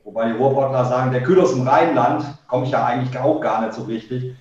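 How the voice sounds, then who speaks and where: An older man from Siegerland, a former football player joining as a guest over a laggy low-bandwidth call, talking in a halting way with many fillers. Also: darkish tone. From Siegerland, Germany. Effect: laggy low-bandwidth remote call line. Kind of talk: casual chat. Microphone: remote video call. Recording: echoey, distant, dull call audio.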